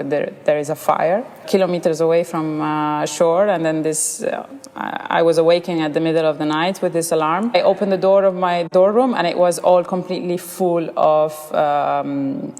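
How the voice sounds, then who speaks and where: A woman from Venezuela, an oilfield manager, answering interview questions haltingly with many fillers and restarts. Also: sits low, a little mellow. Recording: reverberant room.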